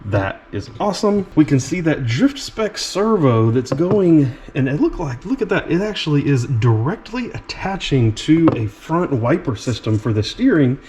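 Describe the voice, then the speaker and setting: A man's voice: a little high, sing-song, normal speed, few pauses, a little mellow, a little hiss or hum. An enthusiastic man reviewing and unboxing a remote-control car, talking directly to his viewers and exclaiming over each feature.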